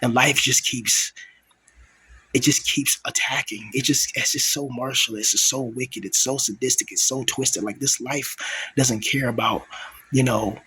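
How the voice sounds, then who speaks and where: A man in his thirties delivering an aggrieved, repetitive confessional vlog monologue in a hushed whisper, keeping his voice down so he is not overheard, with some swearing. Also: medium pitch, measured pace, no room sound, poor audio. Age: 30s. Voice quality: whispered, hushed voice held back to avoid being overheard. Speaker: video blogger. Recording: clear steady background noise.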